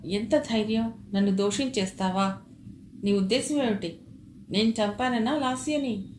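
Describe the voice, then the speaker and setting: A woman reading aloud, voicing a hot-tempered man who shouts accusations, recorded with a roomy echo. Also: on the high side, normal speed, slight background noise, close to an everyday voice. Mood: furious.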